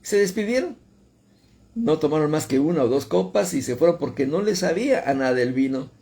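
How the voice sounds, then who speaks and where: Gravelly, mellow-toned preacher man. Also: fairly high pitch, lively intonation, brisk. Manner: storytelling preacher, repeats phrases for emphasis. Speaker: pastor. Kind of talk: radio sermon.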